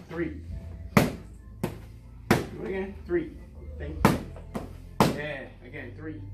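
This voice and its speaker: Male boxing coach, clipped commands during punching pad work, slow spaced delivery, roomy gym, loud music. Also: on the high side, recorded from a distance. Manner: clipped, repetitive, encouraging commands amid physical exertion; calling out while taking punches on mitts. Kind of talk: calling pad-work drills in short commands. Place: large indoor boxing gym. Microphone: far camera. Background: loud music, thuds of punches on mitts.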